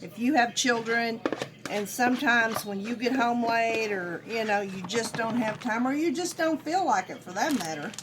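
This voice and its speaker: A mature woman talks in a fairly high voice. She is folksy and chatty, addressing viewers directly as she walks them through home cooking in a casual way. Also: normal speed, background noise. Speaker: home cook vlogger. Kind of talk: casual cooking demonstration chat.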